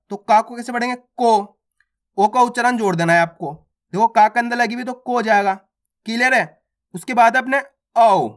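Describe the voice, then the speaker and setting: Patient male teacher chanting syllables. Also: high voice. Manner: patient, repetitive explaining with frequent "clear?" checks; chants syllables aloud twice each, drawn out. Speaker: Hindi teacher. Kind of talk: beginner reading lesson.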